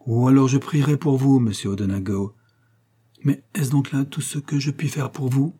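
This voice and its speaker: An affected middle-aged widow from a storybook reading, gushing and tearful, her voice raised well above the speaker's own. A man with a husky, mellow tone acts her out. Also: mid-range voice, normal speed, voice pushed up, close to an everyday voice. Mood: moved. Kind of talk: audiobook character reading.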